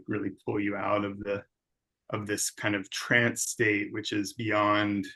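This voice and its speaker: Male psychologist guest, middle-aged, flat delivery, measured and thoughtful. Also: fairly low pitch. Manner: measured, thoughtful, with hedging fillers. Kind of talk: interview answers.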